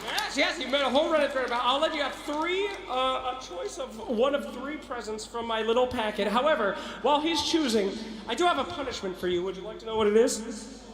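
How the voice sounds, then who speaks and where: Brief: male stage host, very high voice, loud showman energy, echoey hall. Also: brisk. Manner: showman, often shouting to the crowd. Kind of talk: comedic live stage hosting. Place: live event stage.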